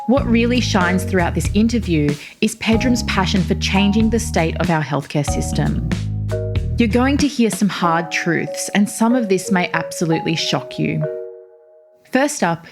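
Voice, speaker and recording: A woman hosting a health show, reading a scripted introduction in an even, clear way. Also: mid-range voice. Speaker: host, naturopath. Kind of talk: scripted narration. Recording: voice-over with guitar music behind.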